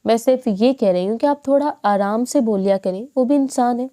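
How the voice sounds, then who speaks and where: A woman's voice: fairly high pitch, mellow, close to an everyday voice. A woman voicing an outspoken young bride who pleads with her mother in a reproachful tone. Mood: pleading.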